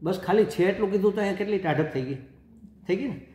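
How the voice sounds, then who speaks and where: A man, a spiritual teacher giving a discourse in a lively, folksy, conversational storytelling manner. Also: high-pitched, quick pace, a little hiss or hum. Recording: echoey room.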